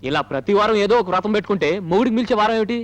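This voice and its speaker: A man's voice: sits high, animated, racing, no room sound, highs cut off. An actor playing an amorous, hot-tempered husband who blusters and threatens his wife in a film scene. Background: film score.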